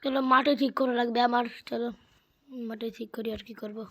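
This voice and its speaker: A woman, giving excitable casual commentary while playing a video game. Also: fairly high pitch, a little fast. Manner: excitable, keeps saying "bhai". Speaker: gamer streamer.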